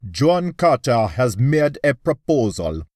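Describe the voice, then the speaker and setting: A man voicing a huge male alien warrior chieftain who speaks in a measured, authoritative way. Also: mid-range voice, sing-song, darkish tone, dry recording, clean studio sound.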